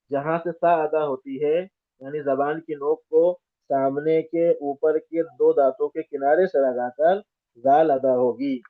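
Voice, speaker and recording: A man from India teaching Quranic letter pronunciation step by step, sounding out each letter and correcting common student mistakes. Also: on the high side. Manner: demonstrates letters by sounding them out repeatedly. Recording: tinny phone-like audio.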